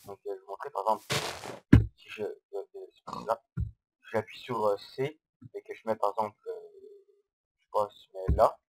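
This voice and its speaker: A man giving casual, hesitant gameplay commentary, explaining step by step on a low-quality microphone. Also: steady tone, normal speed, pauses often, a little mellow. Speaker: Minecraft let's-player.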